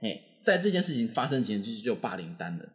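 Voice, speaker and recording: Fast, animated Taiwanese Mandarin man. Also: on the low side. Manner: lively, animated, acts out quoted voices. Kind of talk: casual storytelling chat.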